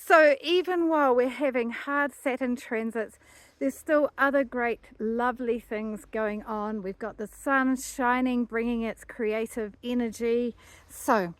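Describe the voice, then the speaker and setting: A woman's voice: on the high side, dry recording. A New Zealand woman, an astrologer, chatting casually in a vlog outdoors in a mountain forest while she walks, musing and searching for words. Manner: talking while walking over rough ground.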